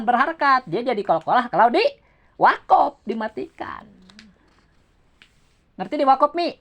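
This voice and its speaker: Sundanese-accented woman teaching tajwid at home, patient, chants verses slowly to demonstrate. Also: on the high side. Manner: patient, often checks understanding. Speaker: Quran recitation teacher.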